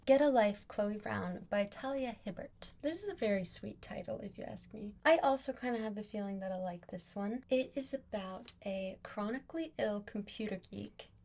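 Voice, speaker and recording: A woman's voice: mid-range voice, normal speed, creaky, few pauses, a little mellow. A young woman presenting a reading vlog to camera in an upbeat, playful, giggly way. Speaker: book vlogger. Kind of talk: scripted vlog talk to camera.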